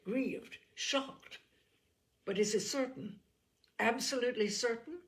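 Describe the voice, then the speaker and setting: Woman reading as a grave, gentle gentleman, gravelly. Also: fairly high pitch, slow pace, pitched above the performer's own voice. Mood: shocked, grave. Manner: gentle, solicitous, formal. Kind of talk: dramatised audiobook reading.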